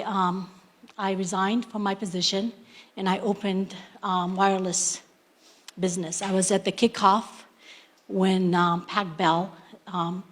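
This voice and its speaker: A middle-aged woman from Iraq, an entrepreneur, telling her life story in a plain, unhurried way, with many ums and restarts. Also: medium pitch. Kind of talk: personal success story, unscripted.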